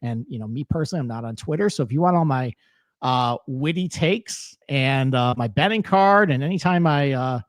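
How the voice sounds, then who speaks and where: A man's voice: medium pitch, animated, moderate pace, dry recording, clean studio sound. A man co-hosting a podcast in casual chat, loose and easygoing, laughing often. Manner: chatty, laughs easily, loose pacing with fillers. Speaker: podcast co-host.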